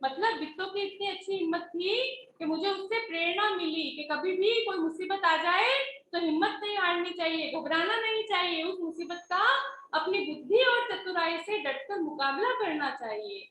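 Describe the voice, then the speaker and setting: A woman's voice: very high voice, moderate pace, fairly bright tone, echoey room, a little hiss or hum, low-quality recording. A woman teacher explaining a Hindi lesson patiently, often checking that her pupils follow. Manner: patient, keeps checking with "है ना?" and "ठीक है?".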